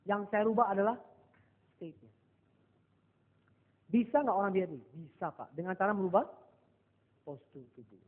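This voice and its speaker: High-voiced man teaching a seminar. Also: moderate pace, pauses often. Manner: lively storytelling, mixing English phrases, acting out dialogue. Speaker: motivational NLP trainer. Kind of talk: seminar talk to a live audience. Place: seminar hall. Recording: echoey hall over a thin, phone-like line.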